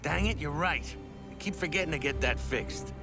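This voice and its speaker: An actor playing a dim, casual cop sidekick with a folksy, offhand way of talking in a cartoon. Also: male voice, on the high side, normal speed, creaky, music in the background. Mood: feigned casual. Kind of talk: animated crime drama acting.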